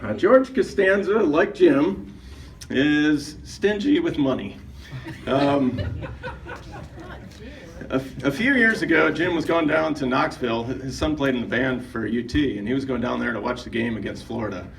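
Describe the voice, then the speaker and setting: A man's voice: mid-range voice, lively intonation, normal speed, creaky, far from the mic, slight background noise. A man giving a humorous roast speech at a retirement party, a joking storyteller who builds each story up to a punchline.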